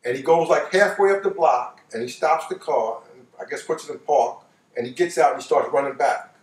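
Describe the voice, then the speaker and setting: An older American man tells a personal story in a casual, colloquial way, repeating phrases for emphasis. His voice sits on the high side and moves fairly quickly. He's on a living room couch indoors, picked up by a distant microphone in a roomy space.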